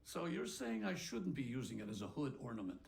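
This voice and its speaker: An actor playing a rugged, weary space patrolman in a video game, with a wry, gravelly voice. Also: mid-range voice, very animated, a little fast. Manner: wry, plain-spoken.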